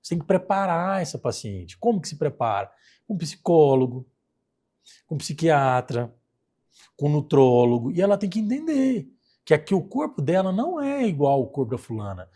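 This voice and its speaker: A Brazilian man with a husky, somewhat high voice tells stories in a casual interview. His pitch swings widely as he chats, and his tone stays darker and mellower than its height suggests. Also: moderate pace. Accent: Brazilian Portuguese. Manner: animated, chatty anecdote-teller. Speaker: plastic surgeon guest.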